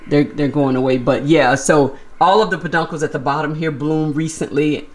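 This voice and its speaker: A woman's voice: low-pitched, fairly even intonation, normal speed, darkish tone. A woman vlogger giving a chatty, enthusiastic tour of her plant collection while filming handheld. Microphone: handheld camera moved while filming.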